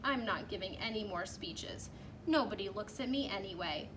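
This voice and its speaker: A woman voicing an earnest male police officer in a storybook, with an emphatic, deliberate, instructive manner. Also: mid-range voice, expressive, distant mic, natural voice. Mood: glum. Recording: clearly noisy background.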